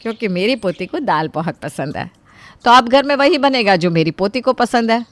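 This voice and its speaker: A woman's voice: on the high side, animated, normal speed, no echo, lightly acted. A woman playing a doting but stubborn old grandmother in a storybook tale, with a commanding, scolding way of talking. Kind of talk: voiced storybook character.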